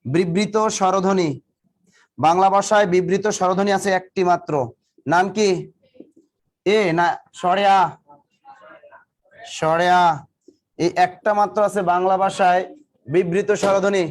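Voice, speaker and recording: A male exam coaching teacher with a high voice and little pitch movement gives a live classroom lecture. Speaking a little slowly with long pauses, he asks the same question over and over, then teases and scolds his students.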